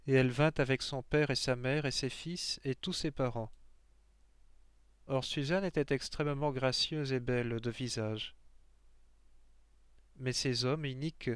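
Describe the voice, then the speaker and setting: A man reading scripture aloud in a measured, solemn manner. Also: mid-range voice, clear, resonant tone, no echo. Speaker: reader.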